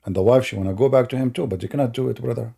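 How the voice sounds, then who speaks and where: This mellow-voiced commentator speaks at medium pitch, racing along with a gravelly, breathy edge. He mocks as he tells his viewers a story informally, repeating phrases for emphasis.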